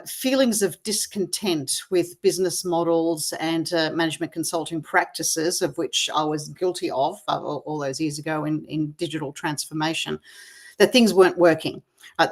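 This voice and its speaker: Middle-aged Australian woman with an Australian accent, low-pitched, thinking aloud in a relaxed interview. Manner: reflective, with many fillers and restarts. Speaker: interview guest, gamification expert. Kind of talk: conversational interview over video call.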